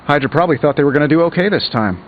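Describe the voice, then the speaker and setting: A man's voice: a little high, animated, rapid-fire, lo-fi sound, slight background noise, natural voice. A man playing a cocky, wisecracking armored billionaire superhero in a video game, glib and sarcastic. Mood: dry, determined. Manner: glib, sarcastic, quippy banter.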